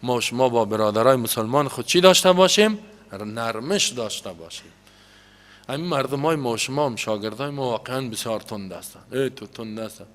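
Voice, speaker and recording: Animated Tajik man teaching religion. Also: mid-range voice, big-room sound. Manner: animated, explanatory, quotes Arabic verses then explains them. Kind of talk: hadith lesson.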